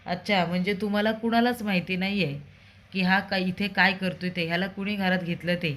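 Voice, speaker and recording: A woman's voice: medium pitch, steady tone, fairly quick, a bit bright, natural voice. Woman reading out a stern angry father. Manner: demanding, interrogating.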